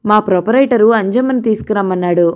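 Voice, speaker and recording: A woman's voice: medium pitch, quick pace, close to an everyday voice. A woman voicing a poor father who coaxes his daughter and quarrels with his mother. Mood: irritated. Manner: coaxing, persuasive. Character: poor grown-up son, coaxing father and stage actor.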